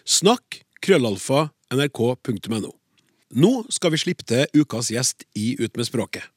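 A man's voice: medium pitch, big pitch swings, slightly rough, no echo, clean studio sound. A man hosting a radio language program, playful and chatty with his guests. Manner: playful, chatty, reads listener letters aloud. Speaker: radio show host. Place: radio studio.

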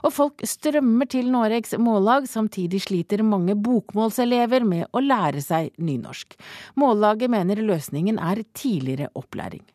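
A woman's voice: mid-range voice, lively intonation, a little mellow, no echo. Dry-voiced woman radio news host. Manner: measured, clear announcing. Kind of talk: scripted radio news presenting. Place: radio studio. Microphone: studio mic.

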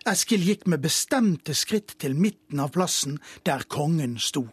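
Husky-voiced man narrating a satirical tale. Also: on the high side, dry recording. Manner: playful, expressive reading with voiced characters. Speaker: radio storyteller. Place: radio studio.

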